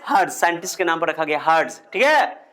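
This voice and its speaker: A man's voice: on the high side, sing-song, fairly quick, bright, forceful tone. Man drilling a class with questions. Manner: repeats key terms over and over. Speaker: physics teacher. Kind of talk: classroom lecture to students.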